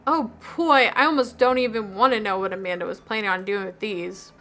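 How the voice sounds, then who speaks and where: A woman's voice: medium pitch, brisk, bright, forceful tone. A woman hosting a video game playthrough, reading dialogue aloud expressively with playful asides and commentary. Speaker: video game let's-play host.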